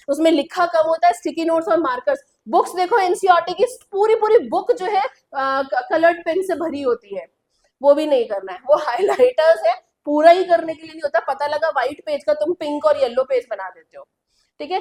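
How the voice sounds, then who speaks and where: A woman coaching teacher giving study tips to students in a chatty lesson, often checking in with them as she goes. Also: sits high. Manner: chatty, addresses students directly with repeated tag questions.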